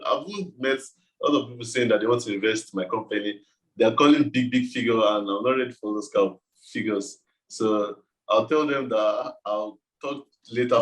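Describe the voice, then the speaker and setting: A man's voice: on the low side, rough recording. A man with a West African accent talking casually as an interview guest, explaining things in a loose, informal way. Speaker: game developer being interviewed.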